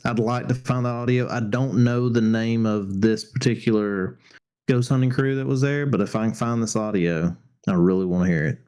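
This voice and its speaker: A man's voice: fairly low pitch, steady tone, moderate pace, darkish tone, clean tone. A man co-hosting a podcast, casually retelling a ghost hunting story with loose restarts. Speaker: podcast co-host.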